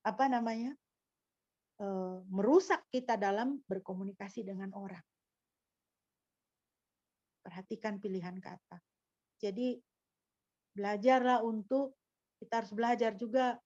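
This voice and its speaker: A woman's voice: mid-range voice, darkish tone, dry recording, dull audio. A woman pastor delivering a sermon in a teaching manner, often asking rhetorical questions of the congregation. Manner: didactic, with frequent rhetorical questions.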